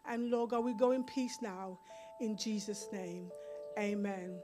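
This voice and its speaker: A woman's voice: medium pitch, measured pace. Woman praying fervently over music. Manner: fervent, repetitive praying, rising in intensity. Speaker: church minister closing the service. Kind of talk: prayer. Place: church hall stage. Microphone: handheld mic.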